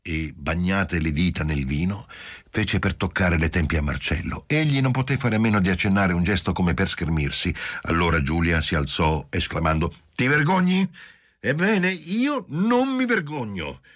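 A man giving steady, measured literary audiobook narration. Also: low voice, breathy edge, dry recording, studio quality.

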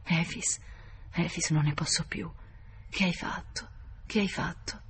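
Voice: mid-range voice, fairly even intonation, measured pace, a bit bright, a little hiss or hum. A reader voicing an anguished, impulsive young man who pleads and breaks into whispers, in an audiobook. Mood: distressed. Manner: emotional, pleading, sometimes whispered. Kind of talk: audiobook character voice.

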